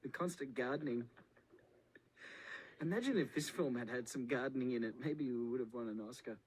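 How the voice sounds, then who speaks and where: A man's voice: medium pitch, brisk, breathy edge, rough recording. A man recording a joking film commentary, full of sarcastic, mock-insulting banter. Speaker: filmmaker on a commentary track.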